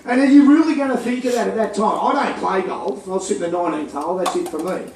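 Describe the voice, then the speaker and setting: A high-voiced Australian man cracks jokes and banters with a live crowd at a crocodile feeding show. He is heard from a distance, with an echoey ring around his voice. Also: fast talker, darkish tone, slight background noise. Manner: jokey, teasing banter with the audience. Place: outdoor crocodile farm show area.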